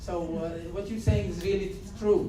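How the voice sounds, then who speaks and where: A man making a halting, spontaneous comment as an audience member. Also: sits high, steady tone, warm tone. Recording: echoey, distant, faintly noisy room.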